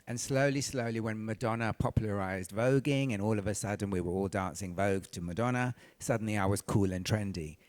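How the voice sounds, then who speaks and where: Earnest man from tanzania, lowish voice. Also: brisk, few pauses, darkish tone. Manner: earnest, repeats phrases for emphasis. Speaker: panel speaker, recording artist. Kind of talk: panel discussion, personal storytelling.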